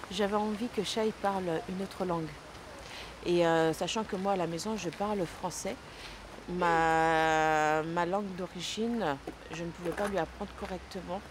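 A woman's voice: lowish voice, steady tone, moderate pace, background noise. A woman from the Democratic Republic of the Congo, a parent, speaking earnestly in an interview.

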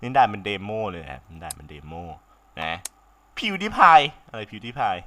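A young man with a sore throat giving casual, excitable let's-play commentary, swearing freely and laughing often. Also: low-pitched, quick pace. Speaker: game commentator.

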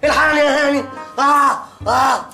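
An actor with an Egyptian accent playing a naive, gentle young man who rambles and whines in panic, in a TV sitcom. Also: very high voice, steady tone, brisk, vocal fry, faint music behind, heavily acted. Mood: panicked. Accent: Egyptian Arabic. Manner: rambling, then panicky and whiny. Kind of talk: TV sitcom acting.

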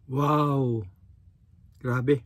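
A man, talking while chewing in a relaxed eating vlog. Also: medium pitch, very slow, slightly rough. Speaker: mukbang vlogger. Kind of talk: casual eating vlog chat.

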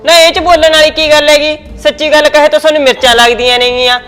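A high-voiced woman with a Punjabi accent talks fast and argues back in a village family skit. She is quick, sharp-tongued and defensive, and there is faint music under her voice. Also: flat delivery. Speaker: daughter-in-law in a family skit.

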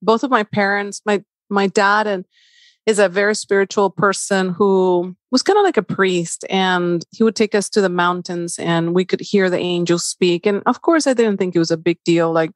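A middle-aged woman with a Venezuelan Spanish accent talks as a podcast guest. She is lively and playful and shares personal stories openly. The sound is close and dry. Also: medium pitch, moderate pace, dry recording. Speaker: podcast guest, holistic life coach. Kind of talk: casual interview chat.

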